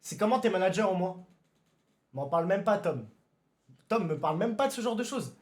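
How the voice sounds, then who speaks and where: A young man streaming live, chatting casually with his viewers, excitable and given to sudden shouted exclamations before calming down again. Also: sits high, normal speed. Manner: excitable, bursts into shouted exclamations then calms down. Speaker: livestreamer. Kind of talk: casual livestream chat with viewers.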